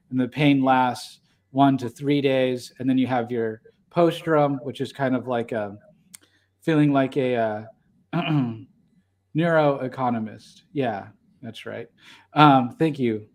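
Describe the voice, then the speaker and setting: A man co-hosting a casual livestream podcast, talking in a rambling way with many fillers and restarts. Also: medium pitch. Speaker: podcast co-host.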